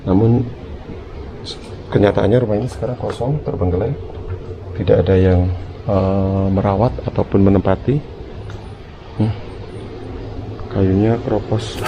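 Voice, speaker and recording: Outside an overgrown empty house, a channel host records a casual exploration vlog on a noisy handheld setup with ambient hum and lo-fi sound. His low voice still comes through clearly, hesitant and uneasy, gravelly and creaky, with fairly even intonation, a measured pace, and frequent pauses.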